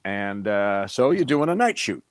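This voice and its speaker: A man's voice: on the low side, sing-song, unhurried, dry recording. An older man, an actor guest, telling rambling anecdotes in a casual interview.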